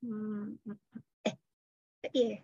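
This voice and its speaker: Over a video call, a woman insurance agent gives a laid-back motivational talk, chatty and peppered with English phrases and the odd laugh. Her medium-pitched voice is extremely slow, fairly flat, a little mellow and husky, in a dry, dull recording.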